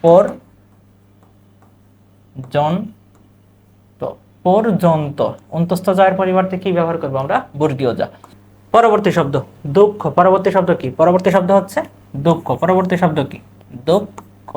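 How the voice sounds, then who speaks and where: A man's voice: high voice, a little mellow. Bangladeshi male teacher drilling pronunciation. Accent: Bangladeshi Bengali. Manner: drills students with questions, then repeats the answers; stretches out model words slowly, syllable by syllable. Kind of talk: recorded exam-prep lesson.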